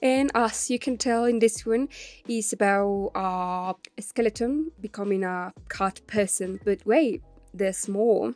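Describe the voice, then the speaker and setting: A woman with a husky voice from a cold, chatting casually as she reviews a comic, with many pauses. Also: mid-range voice, darkish tone, no room sound, soft background music. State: sick with a cold. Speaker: webcomic reviewer. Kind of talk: casual chat.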